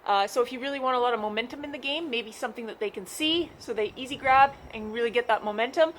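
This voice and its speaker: A woman's voice: a little high, quick pace, fairly bright tone, a little hiss or hum. A woman dog trainer explaining a game outdoors in a chatty, reassuring, unscripted way. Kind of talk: casual instructional talk.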